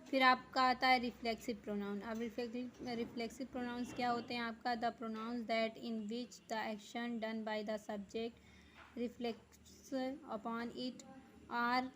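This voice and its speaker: Woman teacher, grammar lesson, slightly high voice, monotone, slow read-outs then quick explanations. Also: a little hiss or hum, low-quality recording. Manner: reads English definitions word by word, then explains quickly. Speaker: school teacher. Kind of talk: grammar lesson, reading definitions slowly and explaining in Hindi.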